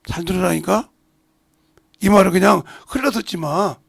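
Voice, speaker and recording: A middle-aged Korean pastor with a Jeolla accent, preaching a sermon and breaking into loud acted-out lines. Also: male voice, high-pitched, moderate pace, no echo, studio quality. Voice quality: gravelly. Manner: preaching with sudden shouts and acted-out dialogue.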